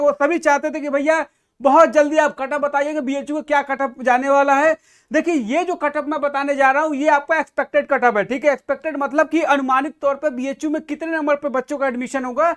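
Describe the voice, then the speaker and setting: A man's voice: extremely high pitch, a bit bright. A man giving admission guidance as a video lesson, explaining in a direct way at a board and checking in with his listeners often. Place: room with a whiteboard.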